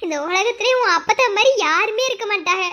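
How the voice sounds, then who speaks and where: A woman's voice: very high-pitched, lively intonation, fast, bright, forceful tone, heavily acted. A woman voicing a cheeky young village wife in a cartoon, with a Madurai accent, teasing and giggling. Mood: fond. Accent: Madurai Tamil.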